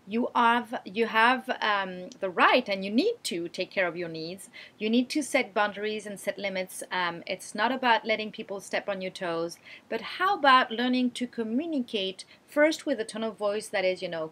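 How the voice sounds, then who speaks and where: A woman's voice: mid-range voice, animated, normal speed, fairly bright tone. A woman blogger talking straight to camera, explaining her advice earnestly with frequent fillers and restarts. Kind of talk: direct-to-camera advice talk.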